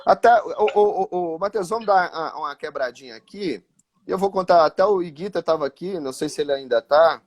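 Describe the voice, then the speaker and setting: A man telling a futsal story on a live stream in a lively, casual way, full of fillers. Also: a little high, a little fast. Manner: lively anecdotal, with many fillers like "né, cara".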